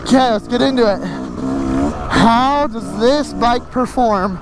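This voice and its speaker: An out-of-breath man hosting a casual riding vlog on a desert trail, energetic and whooping as he talks from a helmet mic. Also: very high-pitched, takes it slowly. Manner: energetic, whooping, laughing between sentences. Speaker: host. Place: outdoor desert trail, riding a dirt bike. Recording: loud engine and wind noise.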